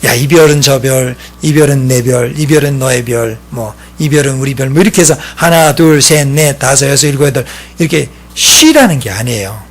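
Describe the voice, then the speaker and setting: A man preaching a sermon as pastor, swinging between loud exclaiming and hushed whispering. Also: mid-range voice, a little fast, few pauses.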